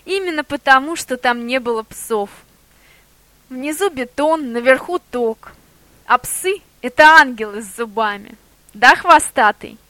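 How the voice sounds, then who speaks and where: A woman's voice: high voice, measured pace, no room sound, full character voice. A woman voicing a sly, persuasive boar. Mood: cheerful. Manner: lively, persuasive, theatrical. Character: sly male boar in disguise, persuasive, bold.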